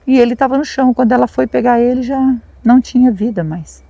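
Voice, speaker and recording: A woman's voice: on the high side, quick pace, creaky, mellow, dry recording. A Brazilian woman retelling a local legend outdoors at dusk, chatty and repeating words for emphasis. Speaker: paranormal vlogger. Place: outdoors at a rural site at dusk.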